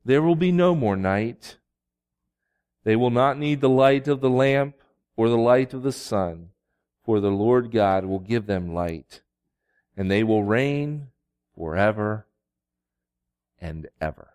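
A man preaching as a pastor, reading scripture and speaking to a congregation in a deliberate, pausing way. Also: medium pitch, animated, a little mellow, clear, resonant tone. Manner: slow, deliberate, with long pauses.

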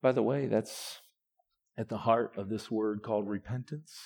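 A pastor preaching a sermon to his church, swinging from quiet, low passages to loud, rising ones. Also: steady tone, normal speed, gravelly, husky.

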